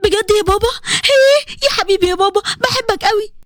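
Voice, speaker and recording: A woman's voice: sits high, lively intonation, very fast, dry recording, studio quality. A woman voicing an affectionate teenage daughter with an Egyptian accent, coaxing her father. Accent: Egyptian Arabic.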